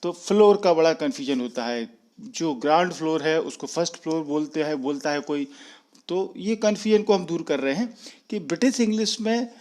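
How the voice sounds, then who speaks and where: A man from India with a voice pitched a little above the usual, giving an English lesson. He goes slowly and deliberately, spelling words out letter by letter and repeating each example word more than once. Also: darkish tone. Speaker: English teacher. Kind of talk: explaining lesson.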